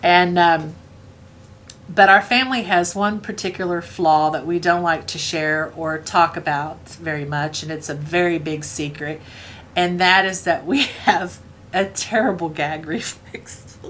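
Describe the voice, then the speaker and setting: A woman telling a comic personal story, unhurried, chuckling as she goes, with lots of ums and uhs. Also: lowish voice, fairly bright tone, a little hiss or hum.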